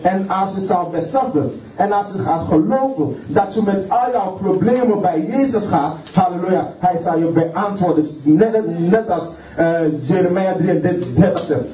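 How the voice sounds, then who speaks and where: A man's voice: sits high, expressive, mellow, a little hiss or hum. A man preaching a sermon with fervor, often repeating words and stopping to say hallelujah. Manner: fervent, halting, punctuates with hallelujah, many repeated words. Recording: distant, roomy, dull sound.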